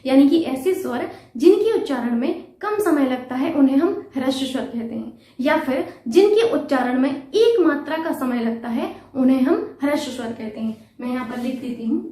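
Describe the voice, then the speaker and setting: This high, expressive female voice has a dark tone and moves at a moderate pace with few pauses. She's teaching Hindi grammar for an exam, asking questions, answering them herself, and repeating key terms with patience. The recording is distant, in an echoey room.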